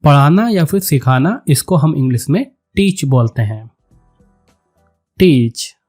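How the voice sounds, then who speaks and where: Male teacher, higher-pitched voice, very slow and deliberate word drills, faint music underneath. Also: animated, a little mellow. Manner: repeats each word slowly and deliberately. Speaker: English teacher. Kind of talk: slow vocabulary lesson.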